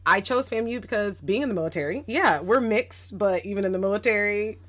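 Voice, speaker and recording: A woman's voice: medium pitch, brisk, a crowd in the background. A woman in her thirties, a guest educator, telling stories on a casual podcast in a reflective way. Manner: reflective, animated when quoting others.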